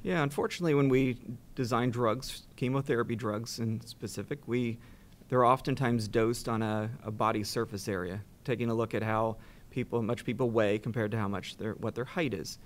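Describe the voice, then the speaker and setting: A man's voice: medium pitch, moderate pace. A middle-aged man on a studio panel, explaining in a plain way with some fillers. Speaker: oncologist on a panel. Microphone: desk mic.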